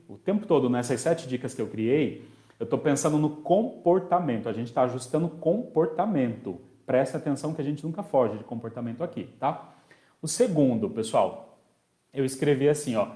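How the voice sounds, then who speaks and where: Mellow-voiced male teacher in an echoey room. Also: medium pitch. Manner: conversational, reads out viewer comments and answers them; checks in often with tag questions. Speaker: special education teacher. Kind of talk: online parenting course.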